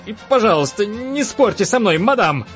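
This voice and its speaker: A man's voice: sits high, very animated, normal speed, fairly bright tone, voice pushed up. A man doing a breathless, frantic king. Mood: breathless commanding. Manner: commanding, breathless, shrieking. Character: lustful panicky male king, breathless and shrill. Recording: dull lo-fi audiobook with faint music.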